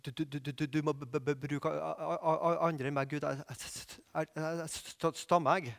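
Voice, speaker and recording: A man's voice: extremely high pitch, a bit bright, in a large hall, voice pushed up. A man voicing Moses as a doubtful, stammering old leader who pleads to be let off. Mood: pleading.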